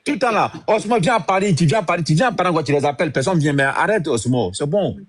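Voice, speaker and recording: Husky man ranting fast and angry. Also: a little high, lively intonation. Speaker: caller.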